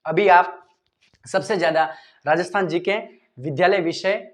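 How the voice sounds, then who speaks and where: A man's voice: sits high, moderate pace. Teacher man giving exam advice. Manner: informal, repetitive, addresses students directly. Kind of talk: exam-prep study advice lesson.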